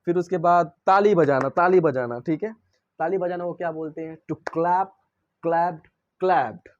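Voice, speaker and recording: A man's voice: on the high side, unhurried, highs cut off, slight background noise. Hindi-speaking male English teacher. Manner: explains in Hindi, recites verb forms in English; asks and answers his own questions. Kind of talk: classroom-style lesson.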